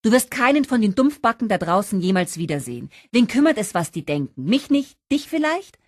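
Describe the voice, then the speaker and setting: A woman's voice: fairly low pitch, a little fast, mellow, slightly rough, no room sound, studio quality. A woman voicing a young woman friend who coaxes urgently through a toilet door in an audiobook. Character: young woman friend, soothing then fierce.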